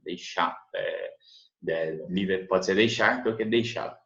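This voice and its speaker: A Brazilian man, a Portuguese speaker, teaching an English lesson. He translates phrase by phrase, repeats words slowly to show pronunciation and keeps adding short tag questions. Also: low voice, a bit bright. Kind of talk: language lesson, translating and explaining. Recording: echoey, dull lo-fi room recording.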